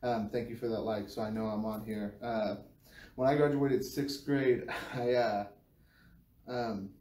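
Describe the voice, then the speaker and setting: In a small bare-walled room, a mellow-voiced American man talks informally in the style of a church devotional livestream, his voice low-leaning and steady in tone. He halts and circles back to repeat phrases as he goes. The phone camera sits a few feet away, so the sound is roomy, slightly distant, and carries faint noise.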